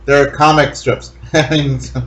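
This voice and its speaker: Wry, relaxed man on a podcast. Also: medium pitch, a little slow. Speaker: podcast co-host. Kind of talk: casual comic book discussion.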